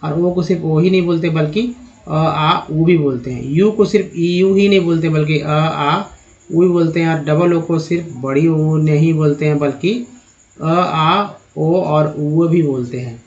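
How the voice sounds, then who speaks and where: Male tutor, slightly high voice, patient, spells words out letter by letter, dull lo-fi sound. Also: fairly even intonation, unhurried. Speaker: English teacher. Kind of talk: Hindi-language English pronunciation lesson. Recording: dull lo-fi recording.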